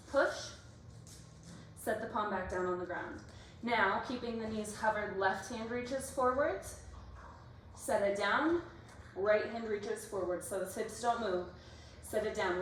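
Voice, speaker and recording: A female workout instructor is heard from a distance in a very reverberant room, with faint noise underneath. She coaches in short, directive cues, briskly counting and naming each move. Her voice sits at an average pitch for a woman. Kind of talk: exercise class coaching, cueing moves and counts.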